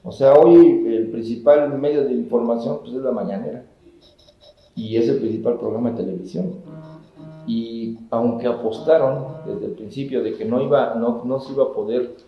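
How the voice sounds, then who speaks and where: A middle-aged man from Mexico, a government communications official, giving steady, explanatory answers in an interview, building his points as lists. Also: medium pitch, normal speed, faint music behind. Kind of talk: measured political interview answers. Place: indoor office with wooden cabinets. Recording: roomy, slightly dull office sound.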